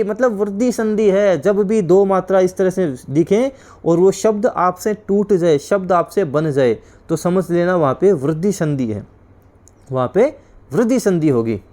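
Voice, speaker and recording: A male teacher from India with a fairly high voice runs an exam-prep class. He explains each rule, repeats it, and keeps asking his students questions. His voice drops low and quiet whenever he gives the corrected word.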